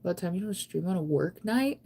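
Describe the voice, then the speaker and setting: Husky and mellow, this lowish-voiced live streamer talks briskly and with animation. She's an American woman in her thirties, rambling through late-night chat and responding to viewer comments with playful self-teasing.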